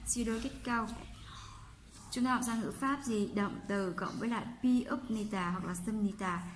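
Speaking with a Vietnamese accent, this Korean teacher explains textbook exercises and slowly, patiently repeats each example sentence. Her pitch is medium, and a little background noise can be heard.

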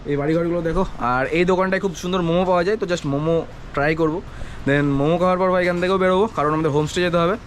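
A man's voice: high-pitched, fairly even intonation, racing. A young man from West Bengal, chatting to his viewers as he rides a mountain road on his motorbike. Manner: chatty, addresses viewers as brother. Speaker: motovlogger. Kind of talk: riding vlog commentary. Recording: faint road and traffic noise outdoors.

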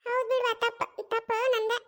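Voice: very high-pitched, flat delivery. A performer voicing a grumpy, stubborn older mother-in-law in a cartoon comedy skit, scolding in a North Karnataka Kannada accent. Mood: irritated. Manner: scolding, refuses stubbornly, drawn-out retorts.

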